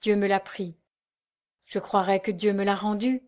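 Woman as a tender, grieving, kindly lady; soft delivery. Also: mid-range voice, flat delivery, moderate pace, natural voice. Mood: solemn. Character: kind grieving lady, the priest's sister.

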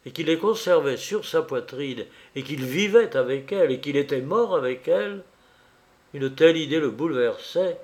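A man reading a classic novel aloud, with an even, literary storytelling delivery. His voice sits at an ordinary mid-range male pitch, steady from sentence to sentence. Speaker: audiobook narrator. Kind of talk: scripted narration.

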